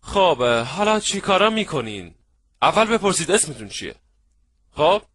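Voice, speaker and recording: Lively, bright-voiced man lecturing. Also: on the high side, husky, dry recording. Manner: lively, acts out little scenes, asks the audience if they follow. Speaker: networking trainer. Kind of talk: animated seminar lecture.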